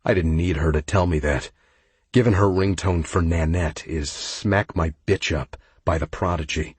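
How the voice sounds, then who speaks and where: A man narrating a first-person romance audiobook in a measured storytelling way, on a close microphone. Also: low voice, slightly rough, no room sound.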